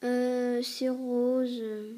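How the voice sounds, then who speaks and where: A woman with a rough, hoarse voice pitched a little high talks her way through a casual show-and-tell review. She rambles, hesitates, corrects herself and keeps coughing and clearing her throat. It sounds like it was picked up by a tablet's built-in mic. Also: level tone, drawn-out words, dark tone. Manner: chatty and hesitant, many fillers and self-corrections. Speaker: doll reviewer.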